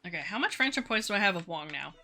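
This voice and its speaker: A young woman streaming a game in casual chat, her voice worn and hoarse, reading chat aloud and swearing now and then. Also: mid-range voice, animated, very fast, bright, forceful tone.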